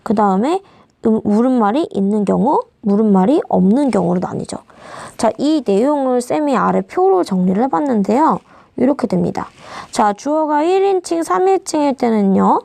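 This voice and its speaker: A woman's voice: on the high side, animated, moderate pace, creaky, warm tone, no echo. A woman teacher giving an exam-prep grammar lecture, explaining step by step and asking her students questions. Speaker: Korean language teacher.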